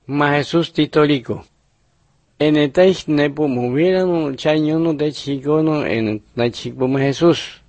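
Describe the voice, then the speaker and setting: A man's voice: fairly high pitch, unhurried, darkish tone, no echo. Man narrating religious lessons, dry sound. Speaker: narrator of Bible picture lessons.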